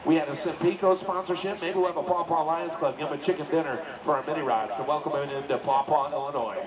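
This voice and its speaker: A man's voice: on the high side, steady tone, fast, muffled recording, a crowd in the background. A man announcing a tractor pulling event outdoors, chatting and joking between runs in live play-by-play. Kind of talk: live play-by-play commentary over a PA.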